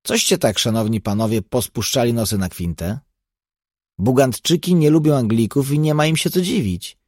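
A man's voice: medium pitch, darkish tone, no echo, studio quality, voice pushed up. A man reading an audiobook, voicing a cheerful, carefree old boatswain with folksy talk. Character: jolly bold old sailor, boatswain.

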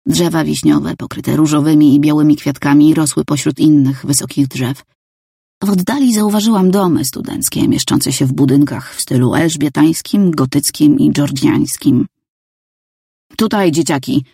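A woman reading a novel aloud in first person, calm and even. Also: low-pitched, moderate pace, gravelly, husky, dry recording, studio quality. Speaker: audiobook narrator. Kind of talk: scripted first-person narration.

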